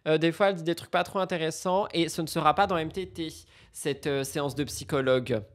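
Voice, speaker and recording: A man's voice: on the high side, brisk. A young man hosting a casual live stream, reacting to celebrity news and reading out chat messages, with a chatty, jumpy delivery. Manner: chatty, jumps between loud outbursts and mumbled asides.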